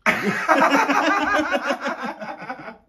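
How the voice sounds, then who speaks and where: A man's voice: very high voice, sing-song, very slow. Playful man joking in a kitchen. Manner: playful, joking, lots of laughter. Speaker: guest cook. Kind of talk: casual chat while cooking. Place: home kitchen. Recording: mic far off, loud frying noise.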